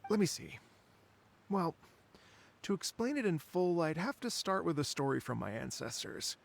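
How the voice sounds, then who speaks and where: A man voicing a polite, dreamy wandering musician in a video game, who speaks in a gentle, courteous and wistful way. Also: on the high side, very animated, moderate pace, vocal fry, exaggerated voice. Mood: storytelling.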